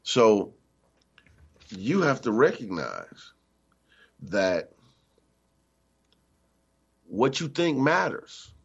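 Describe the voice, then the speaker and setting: A man's voice: mid-range voice, sing-song, very slow, creaky, pauses often, slightly rough, dull audio. A middle-aged man giving a conversational, emphatic spiritual talk as a minister, acting out the voices he quotes. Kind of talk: spiritual teaching talk on radio.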